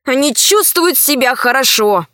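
A woman's voice: high voice, lively intonation, a little slow, a bit bright, no room sound, clean studio sound. A woman voicing a young boy who answers in a guarded, evasive way.

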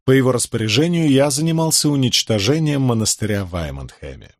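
Guy reading as a smug sneering lawyer, curt and pleased with himself, pitch swings around, dry close sound. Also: expressive, brisk, no echo. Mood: boastful. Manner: sneering, curt, self-satisfied. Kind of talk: audiobook reading.

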